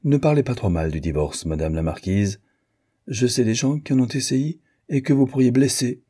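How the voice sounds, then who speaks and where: A man reading an audiobook, voicing a lively, frank divorced American woman in a brisk, animated manner with a husky voice. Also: lowish voice, voice pushed up. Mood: playful.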